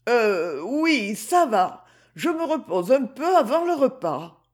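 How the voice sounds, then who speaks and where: Storybook: man doing a tired woman in her seventies, raised and husky. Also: high voice, very animated, slow pace, pitched above the performer's own voice, full character voice. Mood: weary. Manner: tired, reluctant replies.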